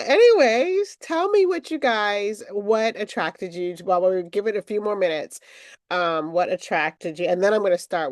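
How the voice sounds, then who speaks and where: A woman hosts a relaxed online herbal class over a video call, her voice swinging widely up and down. She is chatty and quick to laugh at herself. The sound is close and dry, with no room around it. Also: lowish voice, no room sound. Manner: chatty, self-deprecating, laughs often. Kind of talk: casual online class chat.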